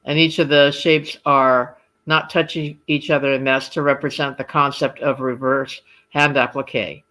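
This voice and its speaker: A man giving a casual product demonstration as an embroidery designer, explaining things in a halting way. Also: mid-range voice, little pitch movement, sharp tone.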